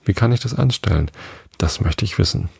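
Alice, indignant truthful little girl, read by a man, husky low storybook voice, gravelly edge. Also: lively intonation, brisk, a little mellow, no room sound, clean studio sound, heavily acted. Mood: musing. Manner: indignant, puzzled questions.

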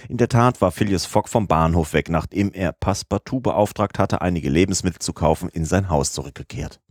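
A man calmly narrating a classic novel as an audiobook, in a measured reading style. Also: sits low, no echo, clean studio sound.

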